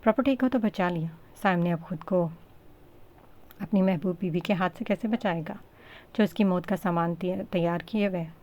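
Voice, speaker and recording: A woman's voice: fairly low pitch, normal speed, a little mellow, natural voice. A woman voicing a scheming, gloating middle-aged villainess in a romance audiobook, with a mocking, taunting manner.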